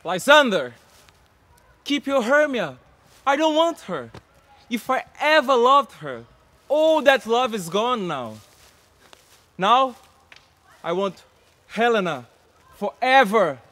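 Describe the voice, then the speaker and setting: A performer as a proud young man in love, very high voice, slow and swooping, dry sound. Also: expressive, a bit bright, no room sound. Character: Demetrius, young male lover, proud and jealous. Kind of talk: outdoor stage acting.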